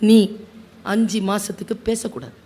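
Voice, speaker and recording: A woman voicing a stern male lion king who judges a quarrel, speaking slowly and gravely. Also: mid-range voice, expressive, mellow, voice pushed down, close to an everyday voice.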